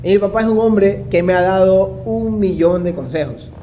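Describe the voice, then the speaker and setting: A young man with a high, mellow voice tells a personal story from his own life. He keeps it animated and slips into the voices of the people he quotes. A faint hum sits under the recording. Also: normal speed. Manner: animated, acts out quoted dialogue. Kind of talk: first-person anecdotal monologue.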